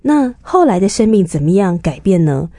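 A woman interviewer who asks gentle, affirming questions and prompts her guest to go on. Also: medium pitch, big pitch swings, normal speed, no echo, studio quality.

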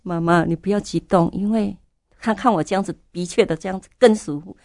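A woman's voice: medium pitch, brisk, creaky, a little mellow, no room sound, studio quality. An older woman, a church elder, telling her story in an interview and fervently repeating her prayers aloud. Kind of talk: testimony interview.

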